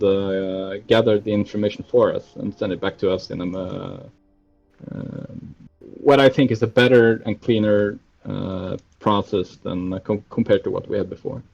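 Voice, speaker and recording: A man's voice: lowish voice, vocal fry, mellow, highs cut off. A man from a game server's staff answering questions in a casual voice chat, hesitant and full of fillers.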